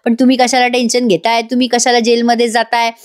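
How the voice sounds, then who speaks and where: A woman's voice: fairly high pitch, completely flat delivery, fast, close to an everyday voice. A woman voicing a scheming soap villain man. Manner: smooth, reassuring yet sinister.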